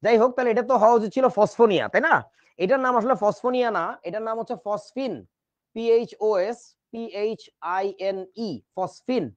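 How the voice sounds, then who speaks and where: A man's voice: very high voice, fairly quick, no echo. A man teaching chemistry in a lecture, joking around and spelling out words letter by letter. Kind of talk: classroom lecture. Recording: dull, dry recording.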